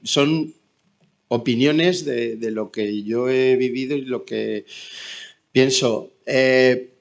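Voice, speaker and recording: Male, Spain accent, slow and hesitant, medium pitch, subdued grief, unscripted personal testimony. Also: creaky. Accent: Spanish from Spain. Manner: halting, searching for words, with many pauses. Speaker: bereaved father giving testimony. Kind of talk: spontaneous testimony at an online talk.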